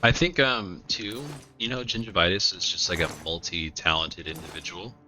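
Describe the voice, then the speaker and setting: This man's voice sits low and moves at a normal speed. He's streaming a video game, dropping sarcastic jokes as he plays, in casual commentary over the game's music.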